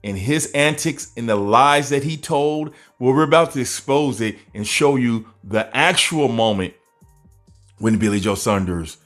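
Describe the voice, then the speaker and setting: Animated man breaking down fight footage. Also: medium pitch, unhurried, faint music behind. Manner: animated, rhetorical questions, chuckling asides. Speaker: boxing commentator. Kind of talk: video breakdown commentary.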